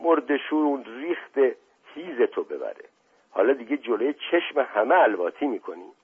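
A man voicing a scolding older woman, husky on a phone-like recording. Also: medium pitch, sing-song, pitched above the performer's own voice.

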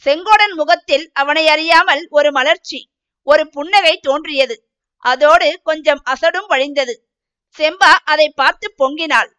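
A woman narrates a novel aloud in an even, measured reading. Her voice sits high and sounds bright and clear. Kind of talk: storybook reading.

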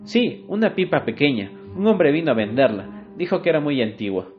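A man's voice: fairly high pitch, very animated, fairly quick, voice pushed up. An eager, earnest young boy, voiced by a man reading a story. He speaks up in a raised, keen tone over a faint guitar. The sound is muffled and lo-fi. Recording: dull lo-fi recording.

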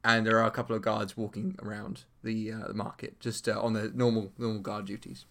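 A man's voice: lowish voice, flat delivery, a little fast, vocal fry, a bit bright. A man narrating as game master in a casual, rambling way, with many ums and restarts and some casual swearing.

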